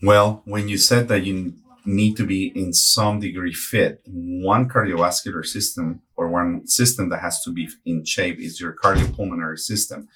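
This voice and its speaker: A man's voice: low voice, steady tone, normal speed, hardly any pauses, fairly bright tone, slight background noise. A man hosting an interview, asking long, winding questions. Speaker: podcast host.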